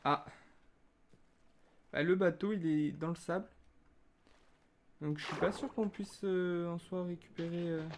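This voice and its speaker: A young man giving casual gameplay commentary, chatty and calm with excitable bursts. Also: high-pitched, measured pace, pauses often, slight background noise. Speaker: gaming video creator.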